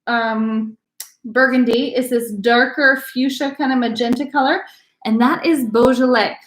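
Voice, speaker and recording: A woman's voice: high voice, roomy sound, poor audio. A woman teaching a live online wine class, chatty and bubbly, with many fillers. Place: home room, live video class.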